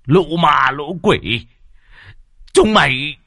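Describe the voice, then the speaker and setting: A man's voice: fairly high pitch, animated, drawn-out words, creaky, bright, forceful tone, no echo, studio quality, voice pushed up, exaggerated voice. A man voicing a grief-stricken old father, stammering and crying out. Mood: raging. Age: older. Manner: wailing, stammering outcries. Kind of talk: dramatic story reading.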